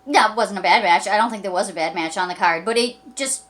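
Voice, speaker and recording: A woman in a casual vlog, rambling excitedly through a wrestling recap. Her voice sits at an ordinary middle pitch, and she fills the gaps with lots of ums. Now and then she puts on voices to act out what the wrestlers said. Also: fast. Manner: enthusiastic, rambling with many fillers; acts out quoted lines in a mock voice. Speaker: wrestling show reviewer.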